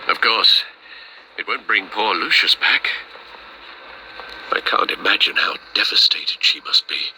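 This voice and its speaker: A loyal elderly confidant from a video game, weighed by grief. He speaks formally and with solemn measure, in a lowish, very bright voice over a faint layer of noise. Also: unhurried, vocal fry, pauses often, exaggerated voice, poor audio. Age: older. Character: loyal, grieving elderly male guardian and confidant. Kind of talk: video game dramatic acting.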